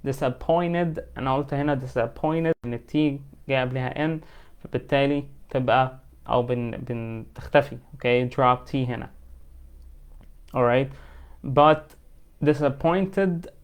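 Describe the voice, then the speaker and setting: Egyptian male English teacher, smooth clear voice, mid pitch, slow deliberate reading of examples. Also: steady tone. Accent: Egyptian Arabic. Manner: explains in colloquial Arabic, reads English examples slowly and clearly. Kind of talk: online English lesson.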